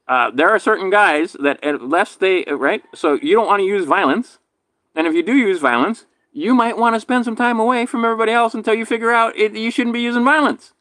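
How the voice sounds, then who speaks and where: Man with a slight lisp, rambling. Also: no echo. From island in Hawaii. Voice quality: slight lisp from a damaged tooth. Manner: animated swings between loud emphatic bursts and low mutters, swears casually. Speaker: vlogger. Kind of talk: rambling monologue.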